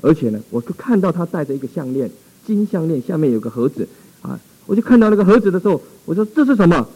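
A male pastor recounts a testimony in a sermon, telling it with dramatic exclamations. His voice is husky and a little high for a man. He speaks at a rapid pace. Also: sing-song, warm tone, poor audio.

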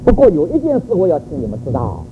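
A man's voice: a little high, wildly swooping pitch, quick pace, faint music behind. An older man giving a church sermon on raising children, telling stories animatedly and tossing in rhetorical questions. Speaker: church speaker. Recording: phone-like narrow audio with faint noise.

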